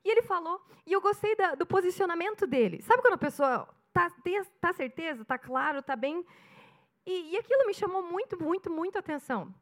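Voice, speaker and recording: Animated Brazilian woman pastor, high voice. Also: brisk. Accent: Brazilian Portuguese, Curitiba. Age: 30s. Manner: animated storytelling, acting out dialogue. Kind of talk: sermon.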